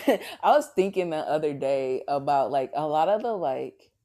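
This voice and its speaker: A woman chatting casually in a relaxed, laid-back way. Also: low-pitched, normal speed. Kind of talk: casual chat.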